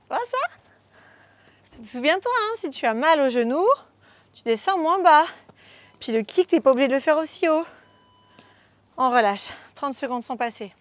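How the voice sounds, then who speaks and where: A woman's voice: sits high, no echo. A woman coaching a beginner workout, upbeat and coaxing, counting moves aloud as she demonstrates. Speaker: fitness coach. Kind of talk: guided workout instruction.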